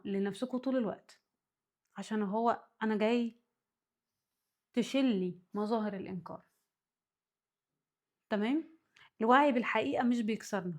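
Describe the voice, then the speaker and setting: A woman's voice: medium pitch, darkish tone. A woman with an Egyptian accent giving a spoken psychology lesson. She walks through worked examples and often stops to check that her listeners follow. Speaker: psychology teacher.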